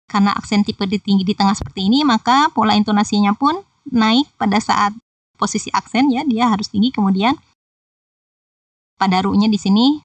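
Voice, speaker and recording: A woman's voice: medium pitch, dry recording, recorded from a distance. A woman teaching Japanese in a patient, explanatory tutorial voice-over that talks straight to viewers. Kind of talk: screen-recorded tutorial explanation.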